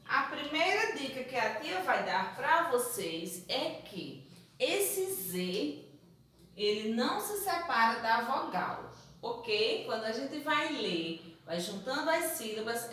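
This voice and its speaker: A woman teaches young children to read, drawing out each letter and syllable with slow, patient care and calling them her loves. Her voice sits high and sounds sharp and bright. It comes from a distance in a very echoey room, with faint noise underneath. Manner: patient, sounds out letters and syllables slowly, calls pupils "amores". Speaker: primary school teacher. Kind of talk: recorded phonics lesson for young children.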